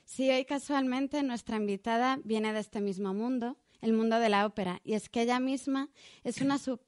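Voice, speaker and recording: A woman hosting a podcast, introducing a guest in a friendly, smooth manner. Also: fairly high pitch, darkish tone, dry recording, studio quality. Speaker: podcast host.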